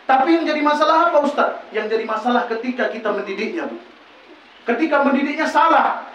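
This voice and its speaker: A preacher giving a lively village sermon in a prayer house, asking rhetorical questions and answering them himself. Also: male voice, very high-pitched, fast talker, a little hiss or hum. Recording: very echoey room, distant mic, dull.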